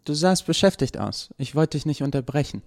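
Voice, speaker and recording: Brief: male reader as an inquisitive young woman patient, blunt and questioning, pitched up, gravelly edge. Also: expressive, fairly quick. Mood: curious. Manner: direct, puzzled questioning.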